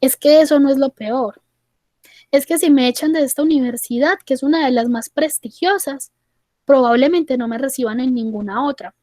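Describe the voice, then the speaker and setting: A woman's voice: sits high, moderate pace, a little mellow, no room sound, close to an everyday voice. A woman quoting an anxious young male student who keeps insisting on the worst case, in a plain, dry recording.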